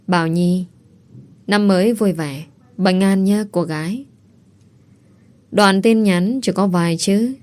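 A woman narrating a romance novel aloud in a steady, even storytelling manner. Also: on the low side. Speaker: audiobook narrator.

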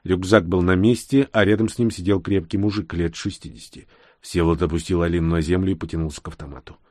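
A man narrating a post-apocalyptic audiobook in a steady, dramatic reading style. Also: low-pitched, quick pace, no room sound, studio quality. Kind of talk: scripted narration.

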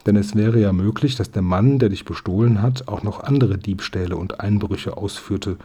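A friendly, kindly police inspector who explains things patiently, read by a man. His voice is low and mellow with a husky grain. It sounds like a storybook audiobook. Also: moderate pace.

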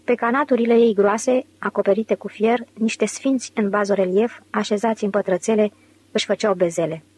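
A woman narrating an audiobook in a measured, clear reading voice. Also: medium pitch, fairly even intonation, darkish tone. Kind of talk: scripted narration.

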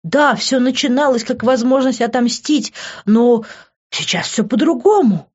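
A woman's voice: fairly high pitch, a little slow, darkish tone, husky, voice pushed up. Woman voicing a pleading, stammering young man. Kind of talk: audiobook reading. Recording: dull lo-fi recording.

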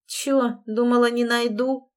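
A woman's voice: a little high, flat delivery, measured pace, close to an everyday voice. A woman reading an audiobook, voicing a crude, scruffy young man who sneers in coarse slang. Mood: sneering.

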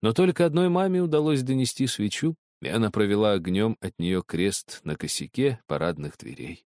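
A man narrating literary prose as an audiobook in a measured, expressive way. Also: on the low side, no echo, studio quality.

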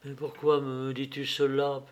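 A man's voice: medium pitch, completely flat delivery, measured pace, lightly acted. A man reading the part of an anguished, proud woman torn by love, his voice trembling and pleading.

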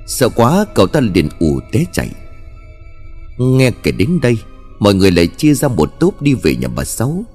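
Brief: male storyteller, lively pitch, dramatic horror narration, faint music underneath.

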